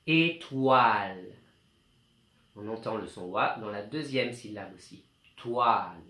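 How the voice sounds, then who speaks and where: A male teacher giving a slow, clear home lesson to young children, speaking patiently. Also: fairly low pitch, a bit bright, reverberant.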